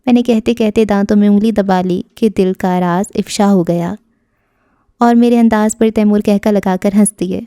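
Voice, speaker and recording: A woman narrating a romance novel as an audiobook in a steady, expressive storytelling voice. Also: mid-range voice, smooth, no echo, studio quality.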